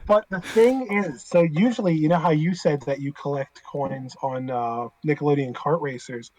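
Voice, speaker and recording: A young man from the Pittsburgh area, co-hosting a podcast and ranting about games in fast, emphatic bursts. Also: a little high, a little mellow, rough recording. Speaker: podcast co-host. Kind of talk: casual chat.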